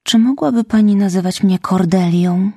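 A woman's voice: high-pitched, steady tone, moderate pace, a little mellow, no echo, clean studio sound, pitched above the performer's own voice. Woman playing a dramatic orphan girl. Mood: pleading. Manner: pleading, theatrical. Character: young orphan girl, dramatic, dreamy, tearful.

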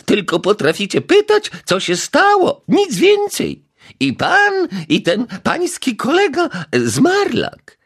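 A man voicing an irritable elderly widow neighbour in an audiobook, with a shrill, huffy, scolding falsetto. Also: huge pitch swings, takes it slowly, a bit bright, breathy edge, exaggerated voice. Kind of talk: audiobook character voice.

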